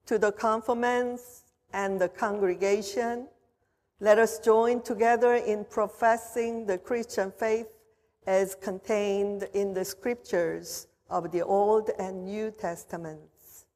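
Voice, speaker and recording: A woman pastor leading a confirmation service in a formal, measured liturgical manner, her voice carrying a long cathedral-like echo. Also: mid-range voice, steady tone, darkish tone. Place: church sanctuary. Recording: voice in a reverberant church.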